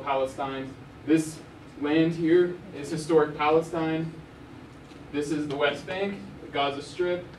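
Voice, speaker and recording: A young journalist from Arizona, USA gives a casual slide lecture indoors in a university lecture hall, full of ums and restarted sentences. His voice is slightly high. A distant room mic captures him with heavy echo and constant background noise.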